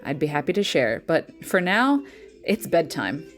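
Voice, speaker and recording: A woman voicing a kindly old grandfather who gently tells bedtime stories. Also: low-pitched, big pitch swings, measured pace, faint music behind, pitched below the performer's own voice. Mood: warm. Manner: gentle, fond storytelling.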